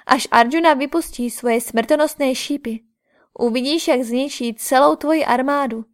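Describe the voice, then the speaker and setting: A woman's voice: high voice, natural voice. Draupadi, a woman voicing a furious princess. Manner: shouting in anger, scornful. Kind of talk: audiobook reading.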